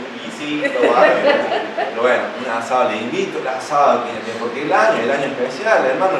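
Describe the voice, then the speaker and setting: A man preaching a sermon as pastor, asking rhetorical questions and swinging from loud emphasis to near whispers. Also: mid-range voice, recorded from a distance, background noise. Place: church sanctuary. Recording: echoey church hall, picked up from afar.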